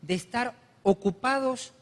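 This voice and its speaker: A man preaching a sermon, building to loud, fervent emphasis. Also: very high-pitched, unhurried. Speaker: pastor. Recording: long hall reverb.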